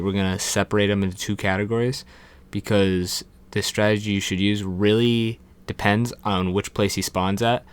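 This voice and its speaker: Young male gaming host, low voice, chatty tutorial delivery. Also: smooth. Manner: chatty, calls viewers "boys". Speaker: gaming YouTuber. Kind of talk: casual gameplay tutorial.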